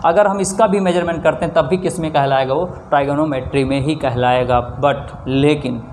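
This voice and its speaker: A male maths teacher with a north Indian Hindi accent and a slightly high voice. He keeps asking his class questions, answers each one himself and adds a checking "theek hai" again and again. A faint hiss of noise sits under the recording. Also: steady tone, normal speed, darkish tone. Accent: Hindi-speaking north Indian. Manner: repeats rhetorical questions and answers them himself; often adds a checking 'theek hai'. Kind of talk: classroom lesson.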